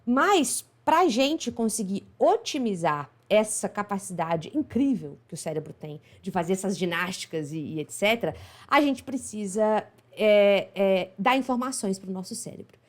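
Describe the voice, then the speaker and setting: A woman's voice: medium pitch, animated, measured pace. A Brazilian woman with a Minas Gerais accent, explaining pronunciation in a chatty online lesson, often asking "right?". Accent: Minas Gerais Portuguese. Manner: chatty, explanatory, frequent tag questions. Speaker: English pronunciation teacher.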